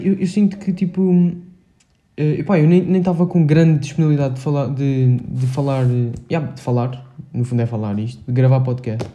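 Teenage man, Portuguese accent, solo podcast host, very dark voice, hesitant slangy rambling. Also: mid-range voice. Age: teens. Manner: rambling, hesitant, slangy with frequent "pá" and English words. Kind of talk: casual solo podcast monologue.

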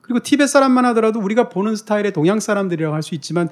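A man co-hosting a book talk show, telling travel anecdotes in a lively way with frequent chuckles. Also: high voice, very fast. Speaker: podcast co-host and author. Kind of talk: casual talk-show chat.

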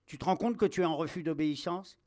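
A man doing a furious shouting army captain. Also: sits high, sing-song, normal speed, pitched above the performer's own voice, heavily acted. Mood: angry. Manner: shouting, insulting, commanding.

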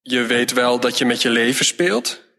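A man's voice: mid-range voice, moderate pace, gravelly, bright, forceful tone. A man reading a storybook aloud and voicing a blustering, demanding king in a commanding tone. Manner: commanding, imperious. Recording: long hall reverb.

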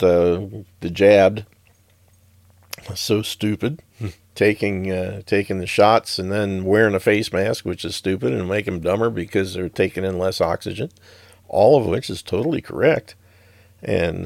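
A man's voice: sits low, creaky, a little mellow, no echo, clean studio sound. A man hosting a talk show, giving casual commentary on clips he plays.

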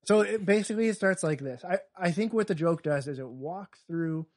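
A man's voice: high voice, animated, brisk, darkish tone. A man co-hosting a podcast, chatting casually and joking wryly while he works through comedy bits. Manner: wry, joking, acts out bits. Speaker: podcast co-host.

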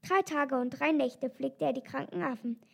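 A woman reading a children's animal story aloud in a calm, even storytelling manner. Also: sits high, moderate pace, gravelly.

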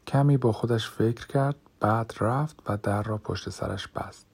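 A man narrating a first-person audiobook in a measured, dramatic way, sometimes dropping to a hush. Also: lowish voice, gravelly, slightly rough.

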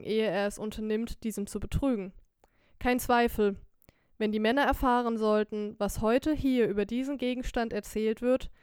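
A woman reading a classic story aloud as an audiobook narrator, with measured, classic storytelling. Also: on the high side, a little mellow, smooth, no echo, studio quality. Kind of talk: scripted narration.

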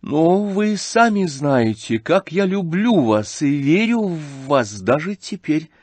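A male reader voicing a gentle, shy young prince in an audiobook, speaking slowly and hesitantly. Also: a little high, big pitch swings, breathy edge, no room sound, voice pushed up, exaggerated voice. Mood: earnest. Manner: slow, hesitant, earnest.

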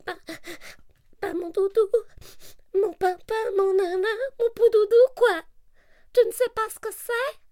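A small, stubborn storybook bunny whimpers in a very high, childlike squeak. It drags its words out slowly. The sound is close and dry. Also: female voice, warm tone, no echo. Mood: explaining. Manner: whimpering, pleading. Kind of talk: storybook reading.

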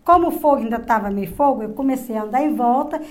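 A woman's voice: on the high side, quick pace. A middle-aged woman telling a personal story in casual talk, acting out voices and dropping to whispers. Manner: animated, acts out quoted voices, drops to whispers. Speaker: guest telling her story.

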